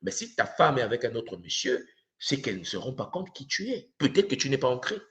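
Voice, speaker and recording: A man with a Congolese accent delivers an impassioned spiritual lesson to an online audience, using rhetorical questions and repetition for emphasis. His mid-range voice is slightly bright, very animated, and fairly quick.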